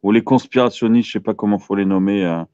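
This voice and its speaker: Male radio show caller, 30s, lowish pitch, casual and halting delivery, dull close dry sound. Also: warm tone, no echo. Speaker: caller on an open-line internet radio show. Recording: dull lo-fi call audio.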